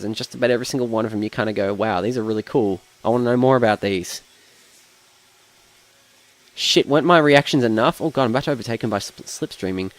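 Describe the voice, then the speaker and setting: Playing a racing game on stream, a young Australian man with a medium-pitched voice offers casual commentary. He rambles and thinks aloud, frequently trailing off partway through sentences.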